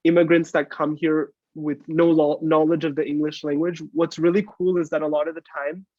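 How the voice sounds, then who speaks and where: A man's voice: fairly high pitch, little pitch movement, moderate pace, a little mellow, dry recording. A man born in the United States, eagerly jumping into a casual podcast chat with his own comments. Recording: slightly dull lo-fi sound.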